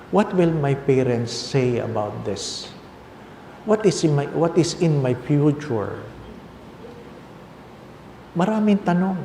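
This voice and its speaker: A man's voice: mid-range voice, a little mellow, a little hiss or hum. An older man, a Filipino priest in his sixties with a Filipino accent, preaching a personal testimony and repeating phrases for emphasis. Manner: switches between Tagalog and English, repeats phrases for emphasis. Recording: echoey hall with long reverb.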